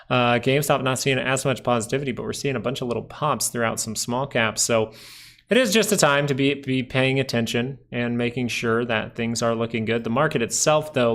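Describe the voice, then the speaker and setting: A man hosts a live market stream in a relaxed, conversational way. He keeps an easy mid-range voice and talks through the charts as though chatting with regular viewers. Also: mid-range voice, gravelly. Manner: chatty, thinking aloud over charts. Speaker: stock market livestream host. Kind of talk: casual live market commentary.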